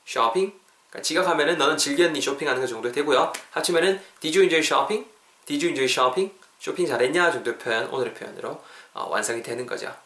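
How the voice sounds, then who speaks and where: A man hosting a podcast English lesson, lively and playful, drilling phrases over and over. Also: on the high side, brisk, echoey room. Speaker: English teacher, podcast host.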